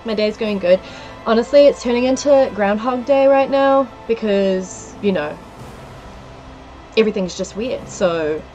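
With an animated, medium-pitched, slightly mellow voice at a measured pace, and highs cut off in the recording, a livestreamer in her thirties speaks in a New Zealand accent. Chatty and giggly on a headset mic in a small room, she reads viewer comments and rattles off their place names over faint game music.

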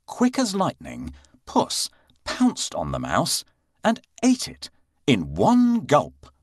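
A man narrating a bedtime story for children, slow and expressive, with playful sound effects. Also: a little high, no room sound, studio quality.

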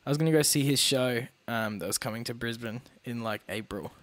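A man's voice: mid-range voice, brisk, a bit bright, no echo. A man co-hosting a casual podcast, talking loosely with lots of fillers and frequent laughs. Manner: chatty, laughs often, trails off with fillers. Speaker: podcast co-host. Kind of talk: casual chat.

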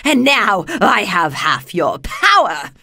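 A woman narrator acts out a wicked witch from a children's storybook. She is cruel and bossy, giving menacing commands in a raised, forceful voice. The sound is dry. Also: medium pitch, very animated, slow, gravelly, dry recording, heavily acted. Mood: gloating. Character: wicked witch, cruel, domineering, shrieking when beaten.

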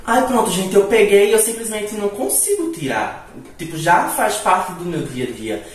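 A young adult vlogger from Natal in northeastern Brazil chats playfully while cooking in his tiled home kitchen, breaking into giggles now and then. His voice is high-pitched and animated at a normal speed, with a Recife-like accent and hissing s sounds. The camera sits several feet away, so the audio is distant and echoey.

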